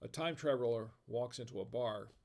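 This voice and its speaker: An American man hosting a relaxed live stream, rattling off one corny bar joke after another and chuckling at his own punchlines. His voice sits at an ordinary middle pitch, and between jokes he reads viewer comments aloud in an easy, chatty way. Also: moderate pace, creaky. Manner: tells dad jokes and laughs at them. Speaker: livestream host. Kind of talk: casual live-stream chat.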